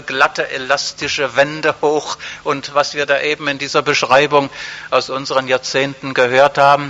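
A man preaching an evening sermon, speaking emphatically, repeating key phrases and addressing the congregation directly. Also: fairly high pitch. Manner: addresses audience directly and warmly. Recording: echoey hall, dull lo-fi sound.

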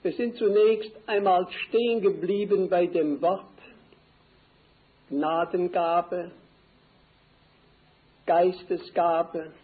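An older man preaching a sermon slowly and deliberately, repeating key phrases for emphasis. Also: high-pitched. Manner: slow, deliberate, emphatic repetition. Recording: tinny phone-like old recording.

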